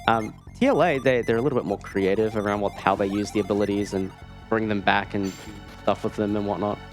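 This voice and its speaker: Playing through a game at a streamed gaming marathon, a man keeps up a casual commentary of wry asides and sentences that trail off. His fairly low voice stays fairly even in intonation and moves a little fast, over background game music.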